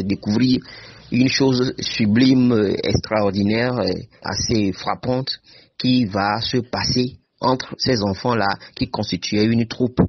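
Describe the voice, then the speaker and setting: A man presenting a book in a literary discussion, measured and explanatory. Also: on the low side, slightly rough, no echo. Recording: dull lo-fi recording.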